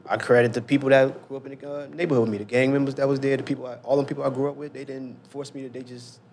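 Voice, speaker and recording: A man in his thirties from Newark, talking in a halting, soft-spoken way as a guest on a casual chat podcast, often trailing off quietly. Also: medium pitch, little pitch movement, a little hiss or hum. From Newark, New Jersey. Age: 30s. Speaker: guest designer.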